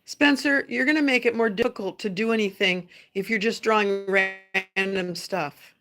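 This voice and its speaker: A middle-aged woman hosts a casual family livestream, talking with her children in a gentle, patient way. She guides and coaches them as they go. Her voice sits at an ordinary middle pitch. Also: normal speed, faint music behind. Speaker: parent hosting a family livestream.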